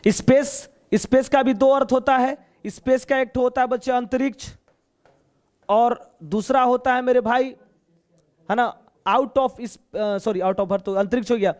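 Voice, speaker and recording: This man from Bihar, India, teaches English online live, speaking Hindi in a Bihari accent with a very high pitch and a darkish tone. His intonation is fairly even and his pace measured, yet he's chatty and playful, joking while he nudges students to answer.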